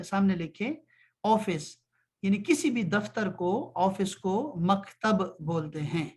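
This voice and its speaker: A man teaching an online Arabic lesson, explaining patiently and repeating phrases slowly. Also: sits high.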